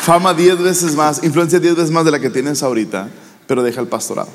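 A man's voice: on the high side, a little fast, long reverb tail, slight background noise. A man hosting a podcast, asking teasing hypothetical questions in a casual interview. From Mexico. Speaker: podcast host.

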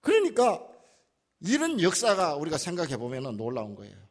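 A man's voice: on the high side, wildly swooping pitch, fairly quick. A male pastor with a Gyeongsang accent preaching a conversational sermon and putting questions to the congregation. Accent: Gyeongsang dialect. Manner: conversational, asks the audience questions.

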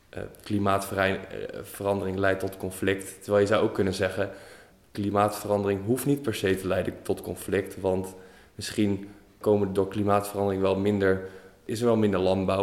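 Man, interviewer, low voice, flat monotone, calm summarizing, echoey room. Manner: calm, summarizing, with short agreeing replies. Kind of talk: conversational interview. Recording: roomy echo.

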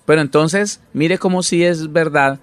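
A man's voice: fairly high pitch, unhurried, smooth, no echo. A middle-aged man, a pastor, earnestly explaining Bible teaching in conversation with many restarts.

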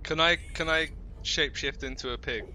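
A man's voice: fairly high pitch, a little fast, bright, forceful tone, a little hiss or hum. A young man playing a tabletop game, eagerly asking playful questions. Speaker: player. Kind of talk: casual tabletop play.

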